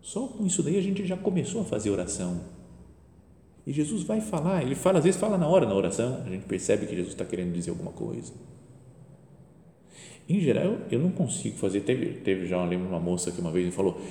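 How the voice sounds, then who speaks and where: A Brazilian priest preaches in a relaxed, conversational way, his voice rising and falling through a wide, animated range. His tone is mellow and soft-edged. The sound rings out through a large church with a long, roomy echo. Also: mid-range voice, quick pace, slight background noise. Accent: Brazilian Portuguese. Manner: lively, chatty preaching with frequent rhetorical questions. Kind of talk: conversational homily. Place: church chapel near the tabernacle. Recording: reverberant church hall.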